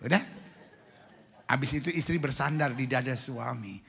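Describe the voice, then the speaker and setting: A man's voice: medium pitch, moderate pace, creaky, fairly bright tone. A middle-aged male pastor, preaching a humorous sermon in a church hall, teasing the congregation in colloquial slang. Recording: long church hall reverb.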